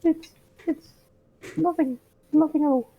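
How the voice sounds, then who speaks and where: A squeaky cartoon-mouse girl. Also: fairly even intonation, unhurried, narrow, tinny audio. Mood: flustered. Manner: breathless, stammering. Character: flustered young woman in a squeaky cartoon-mouse voice. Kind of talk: amateur comedic reading.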